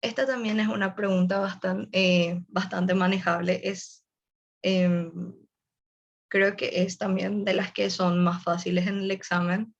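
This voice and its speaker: Speaking straight to her viewers, a young woman shares tips in a relaxed online webinar. She is a young adult with a medium-pitched voice, flat delivery and a measured pace, and the recording's highs are cut off.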